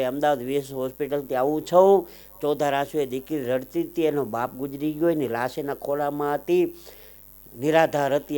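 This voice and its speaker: A man with a Kathiawadi Gujarati accent telling emotional folk anecdotes on stage, swelling loud on some lines and dropping low on others. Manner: dramatic swells, loud declaiming then softer asides. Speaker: folk storyteller and comedian.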